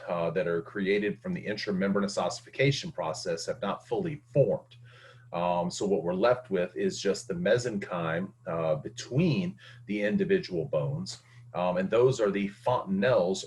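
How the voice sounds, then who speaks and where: A man with a somewhat low voice delivers a recorded anatomy lecture. He explains step by step, often pausing on fillers and restarting his sentences as he goes. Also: darkish tone. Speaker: anatomy instructor.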